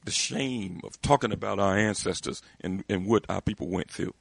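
A gravelly, lowish male voice comes through with no echo, at an ordinary pace. He pushes his point emphatically in a passionate discussion, repeatedly restarting sentences as his intensity builds.

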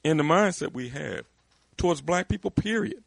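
In an impassioned discussion, a man argues with emphatic conviction, repeatedly restarting his sentences as his intensity rises. His voice is on the high side, animated and gravelly, at normal speed, and the recording is dry.

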